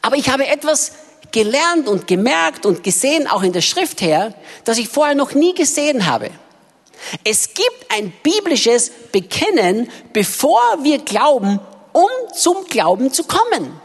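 A woman interpreting a sermon in the first person, with an emphatic, expressive storytelling manner. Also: high voice, measured pace, husky. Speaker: interpreter for a preacher. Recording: echoey hall reverb.

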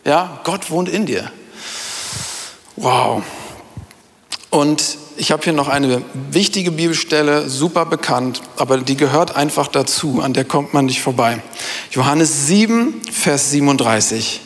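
A man's voice: on the high side, lively intonation, measured pace. A middle-aged man preaching a sermon, speaking emphatically and addressing his congregation directly. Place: church hall before a congregation. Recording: reverberant hall sound.

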